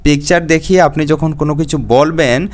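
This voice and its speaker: A man teaching an exam-prep lesson, explaining patiently, repeating key terms, asking rhetorical questions and reading English phrases slowly. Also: a little high, steady tone. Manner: reads English option text slowly and deliberately.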